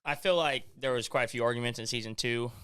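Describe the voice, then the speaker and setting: A man's voice: medium pitch, quick pace, fairly bright tone, smooth. A young man, co-hosting a casual podcast and animatedly retelling conversations. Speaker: podcast co-host. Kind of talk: casual storytelling chat.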